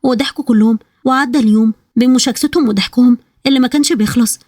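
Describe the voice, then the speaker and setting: An Egyptian woman narrates a family story at a very fast clip. Her voice sits slightly high and is recorded close and dry. The telling is brisk and scripted. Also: darkish tone, no room sound.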